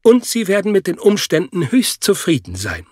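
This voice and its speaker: A man voicing a gentle, calm male guardian of a secret who explains things mildly, in an audiobook. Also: sits high, normal speed, no room sound, studio quality, heavily acted. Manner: mild and explanatory.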